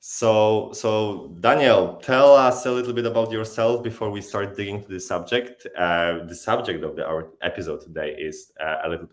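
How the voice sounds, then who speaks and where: A male livestream host with a very deep, low voice. He talks haltingly, repeating words and restarting sentences as he searches for what to say. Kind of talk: livestream interview.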